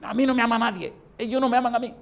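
A man voicing a dying old man who pleads in a hoarse, strained, high voice. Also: lively intonation, normal speed, warm tone, exaggerated voice. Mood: bitter.

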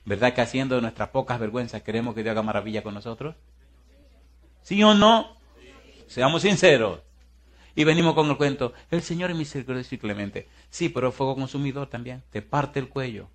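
A man preaching a sermon as pastor, firing rhetorical questions at the congregation in a folksy, teasing way. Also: brisk. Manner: swings between booming and hushed.

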